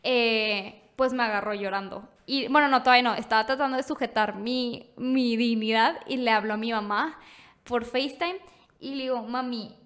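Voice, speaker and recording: Young Mexican woman, high voice, lively guest storyteller who acts out quotes. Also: moderate pace. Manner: animated, acts out quoted voices, breaks into laughs. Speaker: podcast guest. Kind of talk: casual storytelling chat.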